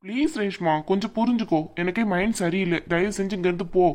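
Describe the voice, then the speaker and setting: A woman's voice: medium pitch, quick pace, darkish tone, close to an everyday voice. A woman voicing a heartbroken young husband in a cartoon drama, who talks wearily and begs to be left alone. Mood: weary pleading. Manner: weary, pleading to be left alone.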